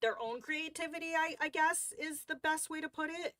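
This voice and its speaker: A woman's voice: high voice, normal speed, sharp tone, dry recording. A woman hosting a coloring livestream, chatting casually and rambling with lots of fillers and restarts.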